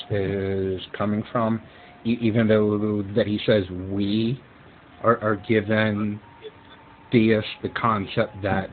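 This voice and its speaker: A man with a low voice who speaks slowly and deliberately, stammering a little as he starts each sentence while steering the group discussion. The call sounds narrow and phone-like, with faint background hiss. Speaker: discussion moderator. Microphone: computer microphone on a voice call. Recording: compressed online voice call.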